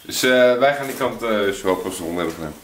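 A man's voice: on the low side, expressive, brisk, recorded from a distance, slight background noise. A man with a Dutch accent, a father telling family stories casually in his vlog. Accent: Dutch, from the east of the Netherlands. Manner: chatty, storytelling, chuckling. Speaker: vlogger. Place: in a car while driving.

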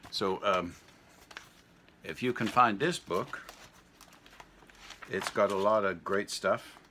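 An older man hosting a guitar vlog, talking in a casual, rambling, halting way, chuckling between thoughts. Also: fairly low pitch, bright, forceful tone, slight background noise. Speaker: guitar channel host.

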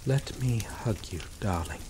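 Steady rain falls behind a man acting out an obsessive yandere lover for ASMR roleplay. His pitch sits fairly low, and he lingers softly and slowly over words, breaking into dark chuckles. The character is possessive, doomed and devoted, delivered with a tender, obsessive mood.

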